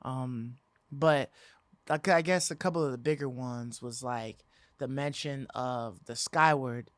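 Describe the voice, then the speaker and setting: A man's voice: mid-range voice, measured pace, fairly bright tone, no room sound. A man co-hosting a casual gaming podcast, laid-back and slangy, steering the talk to the next topic. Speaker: podcast co-host. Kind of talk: casual chat.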